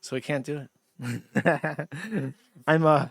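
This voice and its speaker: A man with an odd vocal fry, giving casual, informal reaction commentary as he talks. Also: a little high, slow, fairly bright tone, no echo.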